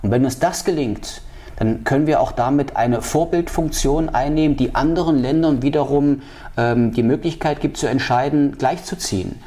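A political candidate with a mellow, mid-range male voice answers interview questions on policy. His delivery is halting, full of fillers and restarts.

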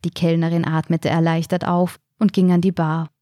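A woman reading a story aloud in a measured, calm storytelling manner. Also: on the low side, dry recording, studio quality. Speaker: narrator. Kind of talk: audiobook narration.

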